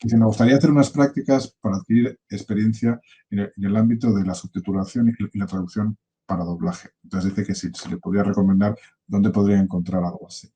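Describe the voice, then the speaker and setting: Man, interview host, video call, reads viewer questions, low voice. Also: fairly even intonation, fast, warm tone, breathy edge, rough recording. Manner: frequent short agreeing backchannels, reads out viewer questions. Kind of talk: casual conversational interview.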